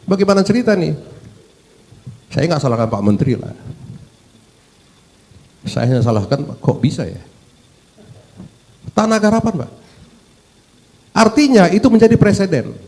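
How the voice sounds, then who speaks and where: A man's voice: high voice, sing-song, normal speed, long pauses, darkish tone, slight background noise. Emphatic man. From Medan, North Sumatra. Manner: emphatic, rhetorical questions, keeps addressing 'sir'. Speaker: parliament member at a hearing. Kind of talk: formal hearing address.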